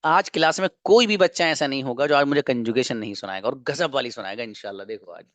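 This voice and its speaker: Male online tutor, mid pitch, asks and answers his own questions. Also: fast talker, a bit bright, dry recording. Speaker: English teacher. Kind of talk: online grammar lesson.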